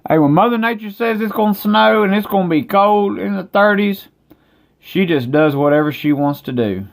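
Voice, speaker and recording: A man's voice: high-pitched, moderate pace, gravelly. A middle-aged man, chatting casually and rambling to camera in a folksy, talkative way. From West Virginia. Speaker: vlogger.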